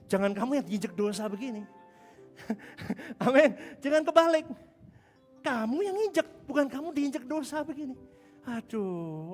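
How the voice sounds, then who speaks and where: A man preaches with full energy, dropping low and then surging into shouts. His words ring out with a long reverb through a large church hall. Soft music plays beneath him. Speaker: pastor. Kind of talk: sermon.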